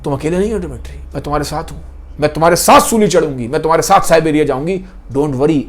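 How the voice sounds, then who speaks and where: A man's voice: a little high, fast talker, close to an everyday voice. A man voicing a devoted young woman who earnestly promises to stand by her lover.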